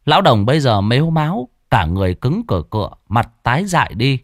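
A man narrating a ghost story with a lively, theatrical delivery. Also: mid-range voice, quick pace, no room sound, clean studio sound.

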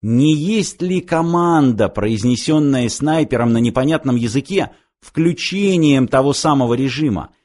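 A man reads a story aloud as an audiobook narrator, in an even, measured way. His voice sits at a middling pitch for a man. He keeps a steady storytelling flow.

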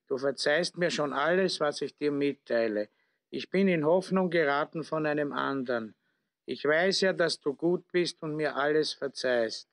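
A man voicing a naive, pleading Austrian village wife who slowly and artlessly speaks out her letter as she writes. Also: fairly high pitch.

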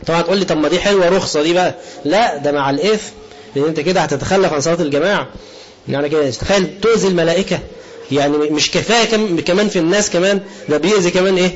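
A man's voice: fairly high pitch, racing, slight background noise. A man with an Egyptian Arabic accent giving a colloquial religious lesson, often asking the audience a question and answering it himself. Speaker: preacher. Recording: dull lo-fi lecture recording.

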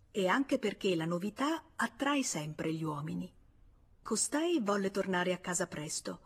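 A woman narrates a classic novel in a measured, expressive reading. Her voice is husky and airy. It sits at an ordinary pitch for a woman. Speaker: audiobook reader. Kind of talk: literary narration.

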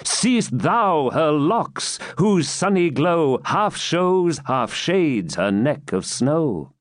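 A man's voice: a little high, no room sound, clean studio sound, pitched above the performer's own voice. A man reading as an earnest courtly knight.

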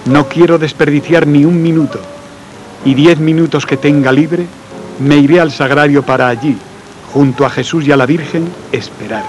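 A man reading devotional letters aloud in a slow, earnest and intimate way, letting phrases trail off quietly. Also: fairly high pitch, low-quality recording. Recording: faint music and rain behind.

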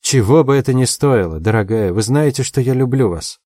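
A man's voice: mid-range voice, expressive, a little fast, dark tone, dry recording, clean studio sound, natural voice. A male audiobook reader voicing a devoted young man who speaks in a resolute, earnest way. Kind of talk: audiobook character voice.

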